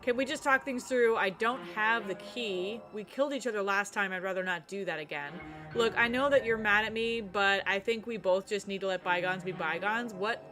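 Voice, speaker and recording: A woman's voice: medium pitch, normal speed, hardly any pauses, bright, forceful tone. A young adult woman streaming a game, chatting playfully with her viewers and often giggling. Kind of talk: live game stream commentary. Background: game music.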